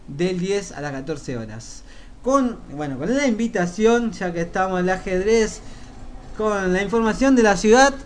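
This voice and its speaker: A man with an Argentine accent hosting a local radio show, reading community announcements in a halting way, repeating and correcting himself. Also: sits high, slight background noise. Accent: Argentine Spanish.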